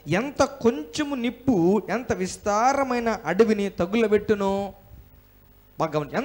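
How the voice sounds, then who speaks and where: An Indian male pastor, his voice sitting high, preaches a sermon in church. He speaks with emphasis, poses questions to the congregation, and has them repeat lines back to him.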